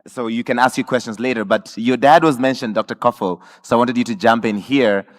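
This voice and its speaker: A man's voice: mid-range voice, a little fast. A man moderating a panel discussion, courteously thanking one speaker and bringing in the next. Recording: long reverb of a conference hall.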